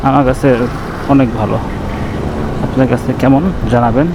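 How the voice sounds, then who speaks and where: A man's voice: mid-range voice, steady tone, moderate pace. A man with a Bangladeshi accent chatting casually to viewers as a ride-share vlogger, talking from inside a helmet while out on a motorbike. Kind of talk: casual vlog chat. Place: outdoors on a motorbike in city streets. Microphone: camera mounted in the helmet. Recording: clear traffic and vehicle noise.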